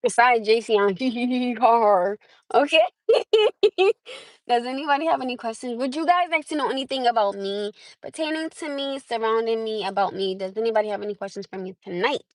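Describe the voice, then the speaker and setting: A brisk, animated American woman with a fairly high voice hosts a casual live chat from her parked car via phone camera, laughing often and calling her viewers "my love." The recording is dry.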